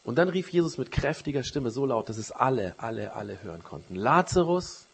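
A man preaching a sermon, retelling a Bible story with a storyteller's rise and fall and dropping low for quoted words. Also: big pitch swings, fast talker, gravelly, slightly rough.

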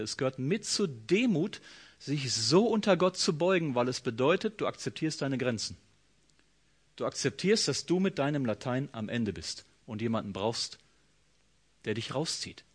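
Guy preaching a sermon, fairly high voice, really expressive, acts out the quotes. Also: breathy edge. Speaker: pastor.

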